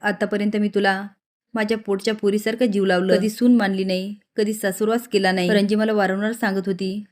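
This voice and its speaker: A grieving, accusing village mother, read out by a woman narrator. The delivery stays flat and even, with little rise or fall. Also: mid-range voice, brisk, natural voice.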